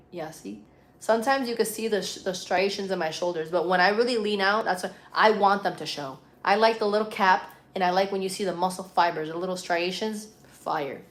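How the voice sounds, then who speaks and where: A woman with a Puerto Rican accent hosting a casual live stream, chatting with viewers in an informal, slangy, playful way. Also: fairly low pitch. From Puerto Rico. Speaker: livestream host.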